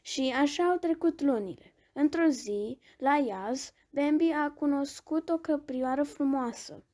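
A woman reading a bedtime story aloud, gentle and expressive, with small restarts. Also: high voice.

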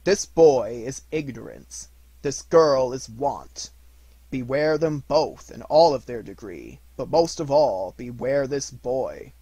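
A stern, sorrowful spirit declaims slowly and loudly, as a man acts it out. The voice is husky and dry. It is a storybook reading. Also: mid-range voice, expressive, no room sound, exaggerated voice, poor audio. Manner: loud, slow and declaiming.

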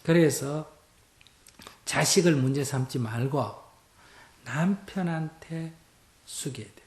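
A Buddhist monk gives a dharma talk. He is animated, swings from loud emphasis to hushed near-whispers, and asks the audience rhetorical questions. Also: fairly high pitch, takes it slowly. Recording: roomy hall echo.

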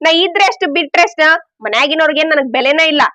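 Woman, sharp bright high voice, quick pleading wife, dry sound. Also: no room sound, low-quality recording. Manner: pleading and complaining. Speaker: despairing wife in sketch. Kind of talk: comedy sketch acting.

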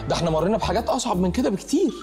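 A man's voice: sits high, lively intonation, very fast, over music. An actor playing a dim-witted, childish young man who whines and pleads, with an Egyptian accent. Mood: whiny bumbling. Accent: Egyptian Arabic. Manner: whiny, pleading.

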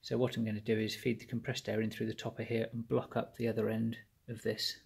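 A man walks through a repair step by step in a husky, gravelly voice. His delivery stays flat and even, with small pauses and fillers as he works. It sounds like a phone recording in a workshop. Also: lowish voice. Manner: plain step-by-step explaining with fillers. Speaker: engine rebuilder. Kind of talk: workshop how-to narration. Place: indoor workshop bench.

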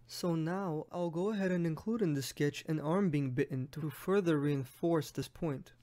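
A man's voice: on the high side, normal speed, warm tone. A young man, friendly and explanatory, narrating a drawing lesson for a medical exam as its host.

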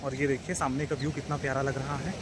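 A man with a medium-pitched, flat voice narrates a walking travel vlog outdoors at a waterfall and river, speaking to viewers as friends in an earnest, concerned way. The phone audio is filled with the loud noise of rushing water.

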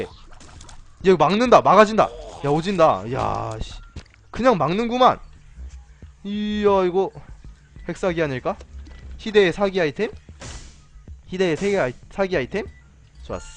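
A male game streamer talks through his run in a lively, swooping voice, slightly higher than most men. He teases monsters with mock-villain taunts and casual swearing. Faint game music plays underneath. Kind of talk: casual gameplay commentary.

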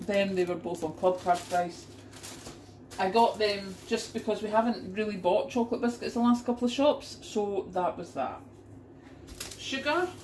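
In her home kitchen, a middle-aged woman from the United Kingdom unpacks her shopping on camera, chatting casually and exclaiming over prices, the camera looking down at the counter. Her mid-range voice has a darkish tone, with slight background noise on a low-quality recording.

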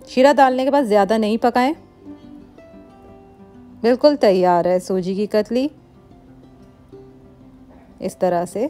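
A woman hosts a cooking channel, calmly explaining a recipe step by step in a voice-over. She speaks Hindi with English words mixed in, in a calm, instructive manner. Her voice is a little high.

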